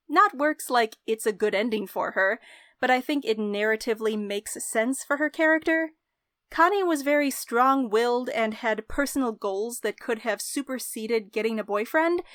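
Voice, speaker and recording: A young woman narrating a scripted game review in an articulate, measured way. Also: on the high side, no room sound, studio quality. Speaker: video essayist, game reviewer.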